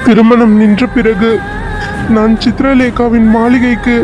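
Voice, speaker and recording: A man's voice: very high-pitched, level tone, unhurried, over music, a crowd in the background. A man voicing a remorseful, tearful young friend who apologizes and explains, in a cartoon serial. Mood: explaining. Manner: apologetic, hesitant.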